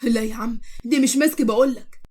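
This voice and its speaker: A woman's voice: a little high, a little fast, darkish tone, natural voice. A woman with an Egyptian Arabic accent voicing a sheepish young husband who pleads awkwardly to be forgiven. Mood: pleading.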